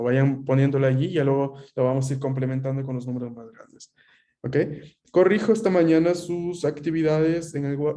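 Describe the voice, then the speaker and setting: A man's voice: mid-range voice, dark tone. A man teaching an online language class over a video call, explaining patiently and checking often with his students. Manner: explanatory, frequent checking questions.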